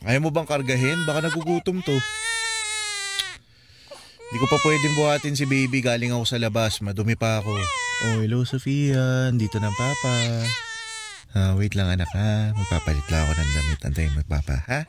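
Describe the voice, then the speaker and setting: An actor playing a young husband and father in a radio drama, pleading with his wife and soothing his baby, then shouting in panic. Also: medium pitch, a little fast, very noisy, lightly acted. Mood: worried. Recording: radio drama with loud music underscore.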